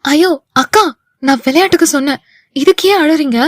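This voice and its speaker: A woman's voice: high-pitched, normal speed, no echo, studio quality, natural voice. Brief: playful, pleading young heroine in an audio novel, read by a woman. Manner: childlike, pleading.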